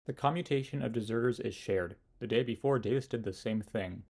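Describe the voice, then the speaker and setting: A man narrates a scripted weekly history series, offering his own opinions and joking about his pronunciation in self-mocking asides. His mid-range voice is brisk and darkish, with vocal fry.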